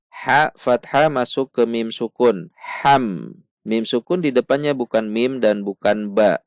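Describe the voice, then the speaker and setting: Slow, patient man teaching Quran recitation. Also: mid-range voice, a little mellow, clean tone, no echo. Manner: patient, repeats each syllable and contrasts right and wrong sounds; chants Arabic verses in a melodic recitation. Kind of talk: slow step-by-step recitation lesson.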